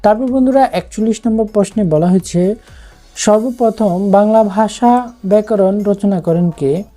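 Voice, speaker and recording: A woman's voice: medium pitch, normal speed, dark tone, soft background music. A woman teaching an online exam-prep lesson, explaining step by step with repeated points and fillers.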